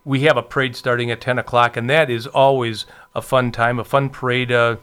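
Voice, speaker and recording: A man speaks as a guest in a casual interview, chatty and full of "uh" pauses. His voice sounds clear and resonant. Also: mid-range voice, flat delivery, fairly bright tone. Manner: chatty, many filler pauses. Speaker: festival committee member, guest.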